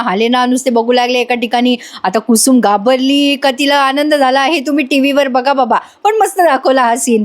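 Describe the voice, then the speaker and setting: A high-pitched woman with a Marathi accent narrates a TV serial recap as a voice-over. She chats straight to her viewers and slips into each character's lines as she tells the story. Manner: chatty, addresses viewers directly, acts out characters' lines. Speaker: TV serial reviewer.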